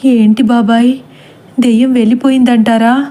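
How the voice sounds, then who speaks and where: A woman's voice: on the high side, flat delivery, moderate pace, warm tone, lightly acted. A woman voicing a frightened young woman who pleads in a trembling, tearful way in a storybook reading. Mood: anxious.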